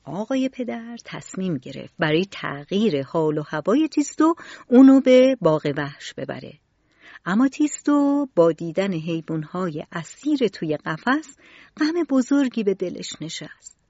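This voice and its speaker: A woman storyteller narrating a children's storybook in an expressive, varied way. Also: mid-range voice, dry recording. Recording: dull lo-fi recording.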